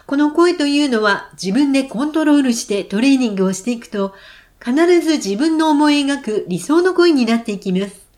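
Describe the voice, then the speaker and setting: A woman leading vocal exercises, giving calm, clear and encouraging instructions. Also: sits high. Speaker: voice trainer.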